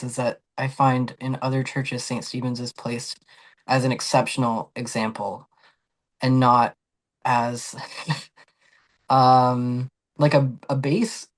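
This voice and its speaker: Flat, earnest speaker with hesitant fillers. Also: medium pitch. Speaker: former parishioner giving a tribute. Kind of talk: prepared tribute in a webinar. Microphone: video call.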